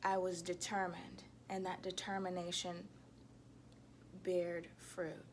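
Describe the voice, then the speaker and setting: A woman giving a reflective self-help monologue to viewers, speaking in a deliberate, halting way with emphatic repetition. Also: on the low side, completely flat delivery, slight background noise.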